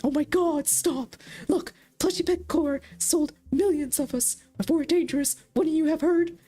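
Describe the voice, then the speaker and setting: A streamer voicing a smug, sarcastic plush robot companion toy with a boastful, snippy manner. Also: female voice, unhurried, warm tone, faint music behind. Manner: boastful, snippy, high and bouncy.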